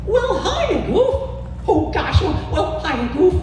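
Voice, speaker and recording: A man voicing a cheerful cartoon mouse in a high, chirpy falsetto. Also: big pitch swings, slow, darkish tone, faint music behind, exaggerated voice. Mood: cheery. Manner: chirpy, friendly greetings. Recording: echoey convention hall, distant mic.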